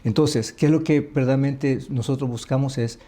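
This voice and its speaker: A man from El Salvador, an ambassador, talking in an interview in a thoughtful, halting way with many restarts. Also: medium pitch, fairly even intonation, dark tone. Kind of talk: conversational interview.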